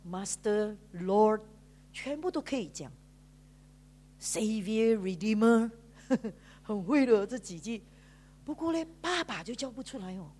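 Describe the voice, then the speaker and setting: A woman's voice: medium pitch, darkish tone. Malaysian woman pastor preaching a testimony. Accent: Malaysian Mandarin. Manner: storytelling with drawn-out sentence particles, mixing in English words. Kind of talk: emotional sermon testimony. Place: church.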